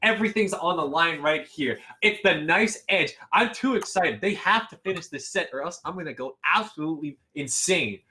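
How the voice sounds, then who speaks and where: A young man casting a live esports match, rambling in a playful, excitable way between games. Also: a little high, normal speed, hardly any pauses. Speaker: esports caster. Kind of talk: casual live game commentary.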